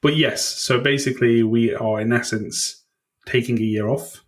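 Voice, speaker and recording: A man's voice: medium pitch, moderate pace. A man being interviewed on a podcast, thoughtful and self-deprecating, with hesitant restarts. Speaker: podcast guest. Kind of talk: casual interview chat.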